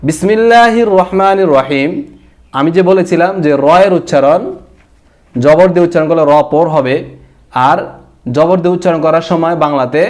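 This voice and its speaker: A man with a Bangladeshi Bengali accent teaching Quran recitation, emphatic and repeating his points, drawing words out slowly to demonstrate. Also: fairly high pitch. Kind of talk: explanatory lesson.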